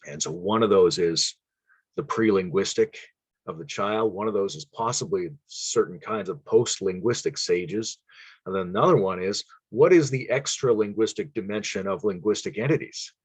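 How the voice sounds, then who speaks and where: A man with a fairly low, breathy-edged voice speaks at a moderate pace on a dry recording. As a podcast guest in casual conversation, he spins long theoretical ideas in a loose, musing way and chuckles now and then.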